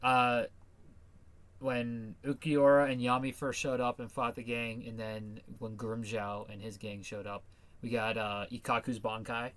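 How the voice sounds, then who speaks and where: A man's voice: mid-range voice, little pitch movement, measured pace, fairly bright tone. Laid-back male podcast host. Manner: laid-back, hesitant with fillers. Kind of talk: casual chat.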